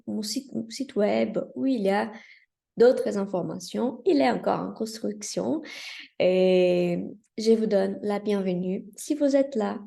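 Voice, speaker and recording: A Brazilian woman with a Brazilian Portuguese accent, a Reiki teacher, welcomes viewers of her channel in a spiritual address outdoors in the mountains. She speaks slowly, earnestly, and with soft hesitancy, in a medium-pitched voice with vocal fry.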